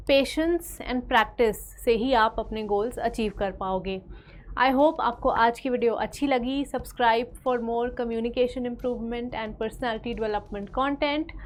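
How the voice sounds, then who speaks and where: Indian woman teaching english, encouraging, kinda high voice, mixes hindi and english. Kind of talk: spoken English lesson.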